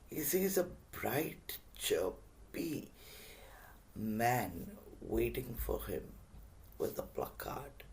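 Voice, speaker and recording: Gravelly, slow-telling male motivational speaker. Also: mid-range voice, slight background noise. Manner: animated, drawn-out storytelling. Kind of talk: storytelling masterclass.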